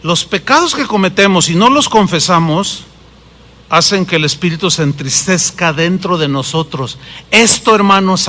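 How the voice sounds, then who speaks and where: High, bright-voiced Mexican preacher. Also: male voice, long reverb tail. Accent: Mexican Spanish. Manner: animated preaching, dramatic shifts between loud and hushed. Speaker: pastor. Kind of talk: sermon.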